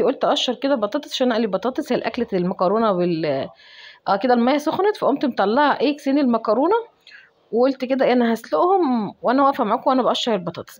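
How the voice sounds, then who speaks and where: A young woman with an Egyptian accent chatting as she cooks in her home kitchen and giving heartfelt advice. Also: sits high. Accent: Egyptian Arabic. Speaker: cooking vlogger. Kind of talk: casual chat while cooking.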